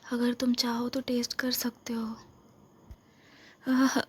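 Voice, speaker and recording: A fairly high-pitched, breathy, soft voice with an Indian accent voices a possessive, scheming vampire girlfriend in a romantic ASMR role-play, often dropping to a whisper. She starts sweet and coaxing, then shifts into gentle protest, speaking slowly with a very even melody. Her delivery is intimate, tenderly lingering on repeated phrases.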